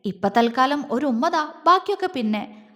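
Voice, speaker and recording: A woman's voice: high voice, lively intonation, normal speed. Woman voicing a teasing tender young husband. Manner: soft coaxing, teasing. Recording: long reverb.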